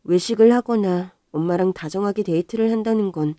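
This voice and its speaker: A woman narrating a first-person life story in a calm, subdued way. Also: medium pitch, a little fast, no echo, studio quality.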